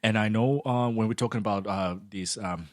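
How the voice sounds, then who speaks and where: Male guest, low-pitched, thoughtful and earnest, dry studio sound. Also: fairly quick, no room sound. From Finland. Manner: earnest, thoughtful, with many restarts. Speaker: guest, local election candidate. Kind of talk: casual podcast chat.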